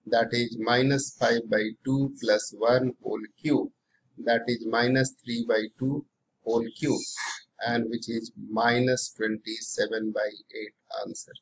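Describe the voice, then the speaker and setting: A man's voice: medium pitch, level tone, measured pace, a little hiss or hum, poor audio. A middle-aged man with an Indian accent teaching maths, working through problems aloud, often repeating phrases and posing questions to himself.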